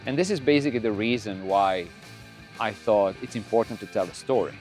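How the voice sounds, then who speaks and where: A middle-aged man from Croatia, a podcast host whose first language is Croatian, talking casually in a relaxed, rambling way with frequent restarts. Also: on the low side, brisk, soft background music. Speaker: podcast host and record label owner. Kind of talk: casual monologue. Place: room full of records.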